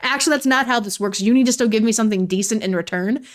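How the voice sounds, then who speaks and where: A woman's voice: a little high, fast. Ranting, sarcastic young woman. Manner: ranting, sarcastic, swears freely. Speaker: YouTuber. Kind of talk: casual commentary vlog.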